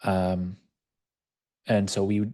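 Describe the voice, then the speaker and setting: A man's voice: deep voice, monotone, very slow, dark tone. A man who works as a life coach, teaching an online workshop over a video call in a conversational, storytelling way.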